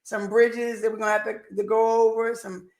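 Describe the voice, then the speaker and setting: A woman in her 40s hosts a podcast over a video call, her voice slightly high and her pace moderate. The room is echoey. She keeps the chat casual and animated, repeating phrases for emphasis and speaking in a faith-filled way.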